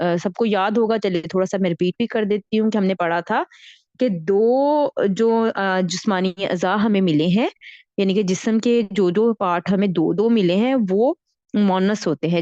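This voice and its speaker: A woman's voice: medium pitch, a little mellow, no room sound, lo-fi sound. A woman teaching Arabic grammar in a patient way, often repeating herself and checking that her students follow. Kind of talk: online Arabic grammar lesson in Urdu.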